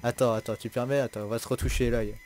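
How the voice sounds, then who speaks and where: A man's voice: medium pitch, steady tone, fast, noisy background. A man giving casual gameplay commentary, teasing the dinosaur he hunts, swearing and laughing often. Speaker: gaming YouTuber.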